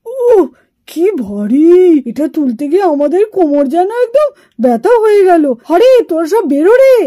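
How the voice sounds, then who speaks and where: Woman voicing excitable high cartoon village boys. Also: moderate pace. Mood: excited. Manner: bossy, excitable calling out. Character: excited greedy village boys finding gold. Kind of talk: puppet cartoon voice acting.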